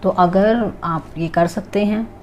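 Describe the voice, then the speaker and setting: A woman's voice: medium pitch, takes it slowly, darkish tone, slight background noise. A woman giving a casual spoken English lesson, explaining patiently and often checking in with "alright" and "okay", mixing English phrases into her talk. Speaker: English teacher.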